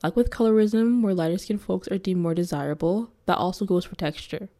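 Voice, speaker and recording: A woman's voice: lowish voice, a little fast, mellow. A young woman hosting an interview, chatting casually and reading scripted narration. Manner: casual, filler-heavy in chat. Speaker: host.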